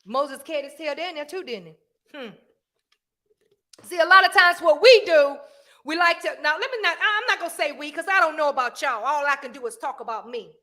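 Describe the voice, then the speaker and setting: Speaking in a bright, pushed voice that sits high, a woman runs a live stream. She addresses her viewers with emphasis, goes through their comments, and preaches a little.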